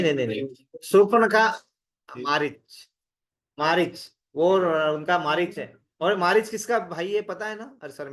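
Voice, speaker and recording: A man with a notably high-pitched voice leads a scripture study group. He talks in a loose, conversational way. He keeps quizzing his listeners and repeats words for emphasis. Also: fairly bright tone. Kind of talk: interactive scripture class.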